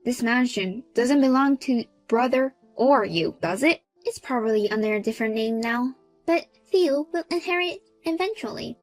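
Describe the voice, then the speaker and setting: A high-voiced, entitled young sister-in-law, played by a woman in a storybook drama. She talks in a smug, demanding way, as if everything is already hers. Soft music plays faintly underneath. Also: animated, moderate pace, natural voice. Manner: smug, demanding, then pleading. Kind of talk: storybook character voice.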